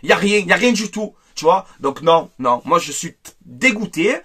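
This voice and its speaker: Angry, bright-voiced man ranting about football. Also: high voice, moderate pace, husky. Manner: angry, animated and repetitive, addressing viewers directly. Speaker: football fan video host. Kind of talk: casual match debrief.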